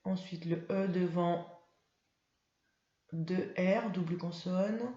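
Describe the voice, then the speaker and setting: Patient woman schoolteacher, unhurried, slightly muffled sound. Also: fairly low pitch, warm tone, echoey room. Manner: patient, clear, slow spelling out of words. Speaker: primary school teacher. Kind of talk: classroom lesson for young children.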